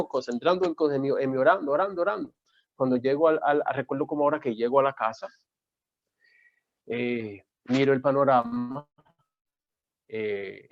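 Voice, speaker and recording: A man, a pastor, preaching a sermon and telling a story with passion, climbing high in pitch when he quotes his own words. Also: a little mellow, no echo, lo-fi sound. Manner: storytelling, impassioned, rises high when quoting himself.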